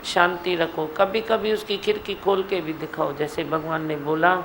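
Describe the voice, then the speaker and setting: A middle-aged woman giving a gentle, homely devotional talk to a gathering in a community hall. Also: sits low, fairly even intonation, normal speed, noisy background. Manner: gentle, homely teaching with soft laughs. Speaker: spiritual teacher leading a satsang.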